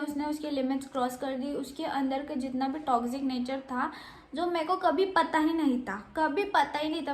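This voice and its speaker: A young woman with a high voice tells a story from her own life in a chatty vlog. She slips English words into her speech and acts out what others said in changed voices. The room adds a noticeable echo. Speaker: vlogger.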